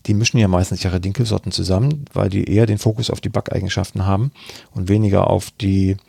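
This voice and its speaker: A man's voice: sits low, fairly even intonation, fast talker, creaky, mellow, husky, dry recording. A man, a bread baking expert, explains things at length in a podcast interview, thinking aloud with many fillers. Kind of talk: podcast interview answering questions.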